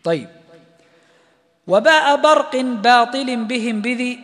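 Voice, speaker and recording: Male recitation teacher, high voice, long hall reverb, explains then chants examples. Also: takes it slowly, a bit bright. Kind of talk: tajweed lesson with recited examples.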